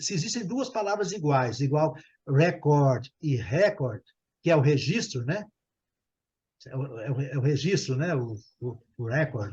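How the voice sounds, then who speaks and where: A middle-aged Brazilian man teaching English to a group over a video call, chatty and prone to slowly repeating words. His voice sits a little high and sounds husky. The call audio is muffled and lo-fi. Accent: Brazilian Portuguese. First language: Portuguese. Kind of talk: online group English lesson.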